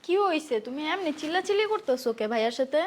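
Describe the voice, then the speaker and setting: A woman's voice: high-pitched, lively intonation, fast, very noisy. A woman playing an exasperated pregnant young daughter in a comedy skit, lecturing her mother in an argumentative way.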